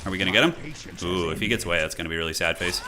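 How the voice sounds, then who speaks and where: A man's voice: sits low, very fast, noisy background. A man giving casual, slangy live commentary on his own game, talking through his moves with some mild swearing. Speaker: gaming streamer commentating own match.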